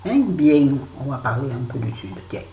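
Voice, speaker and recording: A woman's voice: very deep voice, animated, normal speed, dark tone. A middle-aged woman chatting casually through her used-up beauty products, playfully putting on a southern French accent. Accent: southern French, put on. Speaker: beauty vlogger. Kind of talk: casual empties review. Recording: echoey room with faint noise.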